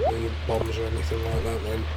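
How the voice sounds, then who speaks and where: Male game streamer, low strangled voice, under the weather, casual halting delivery, loud music behind. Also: completely flat delivery, far from the mic. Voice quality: strained, strangled, congested-sounding. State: unwell with a throat infection, throat-clearing. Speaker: video game livestreamer. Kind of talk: casual live gameplay commentary.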